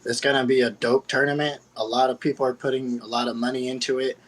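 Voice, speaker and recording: A man's voice: medium pitch, flat delivery, quick pace, low-quality recording. Easygoing slangy man, podcast guest. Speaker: guest arm wrestler. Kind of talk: casual podcast chat.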